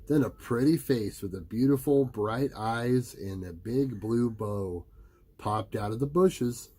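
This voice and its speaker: A man reading a storybook aloud to a young child as the parent, pausing for casual asides and questions. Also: mid-range voice, mellow, breathy edge.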